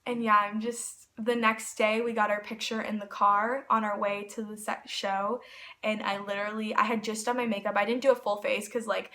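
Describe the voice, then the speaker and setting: A woman telling a story in a casual vlog, rambling and excitable, with lots of "like" fillers. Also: mid-range voice, moderate pace. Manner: rambling, excitable, heavy use of "like". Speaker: vlogger.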